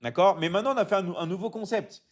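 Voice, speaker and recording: A man's voice: high-pitched, racing. A man hosting a casual live stream, answering viewer comments and coaching with lots of "d'accord?" and restarts. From Michigan. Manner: repeats "d'accord?" often, stumbles and restarts, coaching tone.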